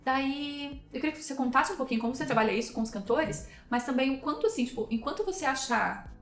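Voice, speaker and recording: Chatty Brazilian woman, bright-pitched podcaster. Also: fast. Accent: Brazilian Portuguese. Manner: lively, chatty storyteller with many fillers. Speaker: podcast co-host. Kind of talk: podcast conversation. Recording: roomy echo, faint music behind.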